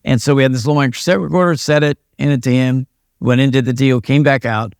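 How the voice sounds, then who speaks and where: A man's voice: medium pitch, steady tone, fast, clean tone, dry recording, studio quality. An older American man, a retired police sergeant and pastor, telling stories in a casual interview with a wry, self-deprecating manner. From United States.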